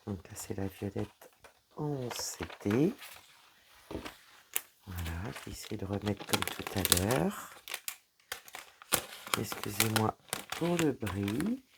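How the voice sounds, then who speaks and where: A woman's voice: extremely low pitch, animated, slow, vocal fry, long pauses, very noisy. A woman chatting casually through a crafting unboxing, talking straight to her viewers and leaning on fillers like "voilà". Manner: chatty, talks straight to viewers while handling items; frequent fillers like "voilà" and "donc". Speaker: crafting vlogger.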